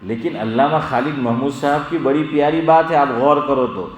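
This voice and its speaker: A middle-aged religious scholar giving a sermon-style lesson, quizzing his listeners and calling on them by name as he slowly drills pronunciation. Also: mid-range voice. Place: gathering hall, evening assembly. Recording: echoey hall with long reverb.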